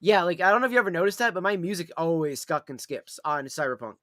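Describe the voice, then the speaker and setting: A man with a noticeably high-pitched voice talks off the cuff as a live streamer. His delivery is rambling and repetitive, with blunt, sweary casual wording. The sound is close and dry, with very little room echo. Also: expressive, quick pace, a bit bright. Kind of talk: casual livestream chat.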